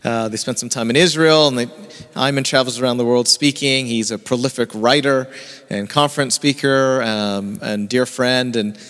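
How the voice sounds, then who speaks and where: A man's voice: mid-range voice, fairly even intonation, normal speed, a bit bright, clear, resonant tone. Male pastor introducing a guest. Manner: conversational, hesitant. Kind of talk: casual introduction. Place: church sanctuary. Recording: long church reverb.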